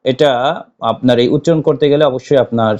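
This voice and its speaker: A man teaches Quran recitation, his voice sitting at an ordinary middle pitch. He repeats each point patiently, then drags out each letter slowly and firmly as he spells it aloud. The audio sounds a little dull and lo-fi. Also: a little mellow. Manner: drawn-out, emphatic letter-by-letter recitation with slow stretched syllables; patient, repetitive explaining with frequent pauses.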